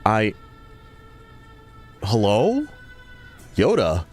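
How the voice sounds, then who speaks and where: A man with a very deep but lively voice streams a game, chatting casually to viewers. He sounds tired and rambles with plenty of ums and uhs, getting excitable as he goes. Faint game music plays behind him. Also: very slow, slightly rough. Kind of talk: casual live-stream chat.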